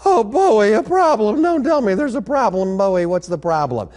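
A man voicing Ruth, a young widow, with squeaky, flustered exclamations. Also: sing-song, normal speed, darkish tone, big-room sound. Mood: dismayed.

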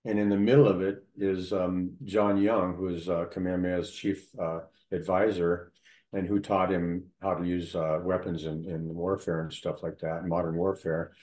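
Male storyteller, very low pitch, halting casual delivery, echoey room. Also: level tone, darkish tone. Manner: storytelling, halting with many fillers and restarts. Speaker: local history storyteller. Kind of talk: casual conversation.

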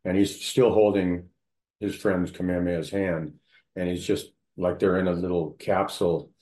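Male storyteller, very low pitch, halting casual delivery, echoey room. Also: little pitch movement, warm tone. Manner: storytelling, halting with many fillers and restarts. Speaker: local history storyteller. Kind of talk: casual conversation.

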